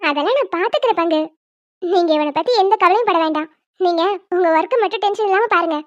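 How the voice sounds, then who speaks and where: A woman's voice: very high voice, fast, no echo, muffled recording. A woman voicing a young doting aunt who coaxes a crying baby in sing-song baby talk. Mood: coaxing. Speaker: cartoon voice actor. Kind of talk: homemade cartoon dubbing.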